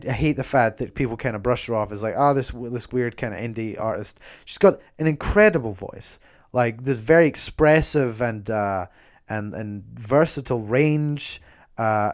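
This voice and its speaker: A young man hosting a casual podcast monologue, talking enthusiastically, swearing freely, with frequent ums and restarts. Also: mid-range voice. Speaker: podcast host.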